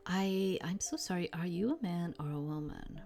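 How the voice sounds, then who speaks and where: A woman's voice: on the low side, expressive, normal speed, a little mellow, faint music behind. A woman voicing an apologetic fantasy game heroine with an awkward, hesitant way of talking. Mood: flustered.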